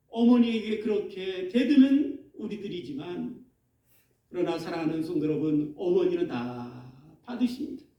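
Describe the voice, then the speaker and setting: A man preaching from the pulpit with a very high, mellow voice. His sermon is dramatic, and he rises into raised, pleading tones. The sound comes from a little off the mic and rings through a big echoey church. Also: far from the mic. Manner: dramatic, acts out biblical laments in raised voice. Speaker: pastor. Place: church sanctuary.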